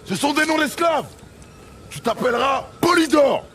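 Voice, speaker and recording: An actor playing a fiery rebel leader of runaway slaves who rouses his followers with shouts. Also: very high-pitched, lively intonation, measured pace, heavy background noise, exaggerated voice. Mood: rousing. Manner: rousing, shouting. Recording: film scene, loud music and crowd.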